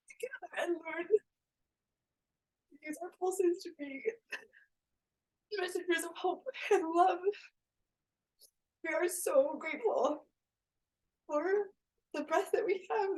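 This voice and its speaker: A woman's voice: very high voice, a little mellow, far from the mic, rough recording. A woman leading a public prayer, emotional and near tears. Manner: emotional, earnest. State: tearful.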